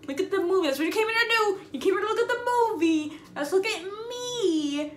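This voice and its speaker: A storytime host, this young woman speaks in a high voice, casually recounting a tale with slang, dramatic emphasis and phrases she repeats. Her echoey room carries some background noise.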